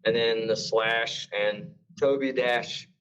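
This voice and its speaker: A man's voice: mid-range voice, fairly even intonation, slow pace, fairly bright tone, smooth. Rambling male author guest, dull sound. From Mississippi. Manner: rambling, hesitant, many uh's. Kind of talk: casual podcast interview.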